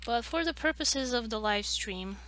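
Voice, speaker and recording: A woman's voice: a little high, lively intonation, normal speed, sharp tone. A woman in her late twenties chatting casually on a livestream, hesitant and rambling as she talks. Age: late 20s. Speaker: streamer and artist.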